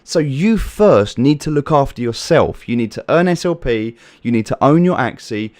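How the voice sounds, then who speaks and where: A British livestream host reads viewer names from chat and answers them, earnestly and somewhat preachily repeating his points about helping others. His medium-pitched voice is soothing and darkish, with lively intonation at a normal pace. The audio is studio quality with no room sound.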